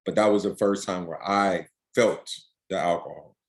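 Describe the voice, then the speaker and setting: A man hosting a podcast, chatting casually and asking relaxed follow-up questions. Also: low voice, moderate pace. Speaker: podcast host. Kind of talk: casual chat.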